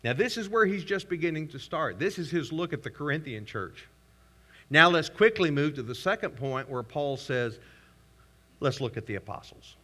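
Animated pastor in reverberant hall. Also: male voice, on the high side, moderate pace. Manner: animated preaching, reads scripture aloud with sarcastic emphasis. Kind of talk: sermon. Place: church sanctuary.

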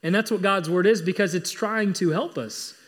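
Speaking at a moderate pace, this pastor has a high male voice. His sermon is earnest and emphatic, and he keeps returning to his key points so they sink in.

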